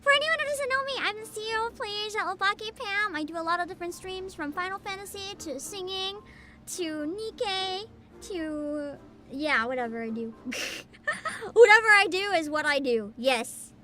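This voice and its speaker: A woman's voice: very high voice, animated, normal speed, sharp tone. A woman chatting casually on a game live stream in a playful, jokey way. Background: music.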